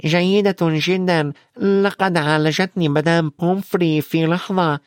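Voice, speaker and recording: A man's voice: on the high side, fairly even intonation, moderate pace, no room sound, clean studio sound, voice pushed up, lightly acted. A man voicing a timid, frightened schoolboy who pleads not to be left behind, for an audiobook. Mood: relieved. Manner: pleading, fearful.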